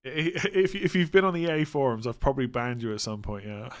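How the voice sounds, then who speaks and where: A fantasy football livestream host with a West Country English accent chats informally, his mid-range voice steady and a little fast. He reads out viewer questions and answers them in a matter-of-fact way.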